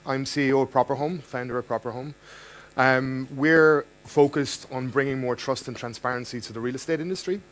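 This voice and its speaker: Irish man, startup founder, live pitch, earnest, some ums. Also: a bit bright, a little hiss or hum. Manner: earnest, with fillers and mic checks.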